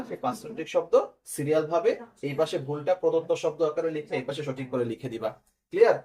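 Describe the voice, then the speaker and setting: A man's voice: a little high, a little mellow. A young man, teaching an exam-prep class online and explaining step by step while checking that his students follow.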